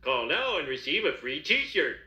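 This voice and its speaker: Oafish middle-aged cartoon dad, stilted sales patter, lively pitch, roomy noisy clip. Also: male voice, moderate pace, heavily acted.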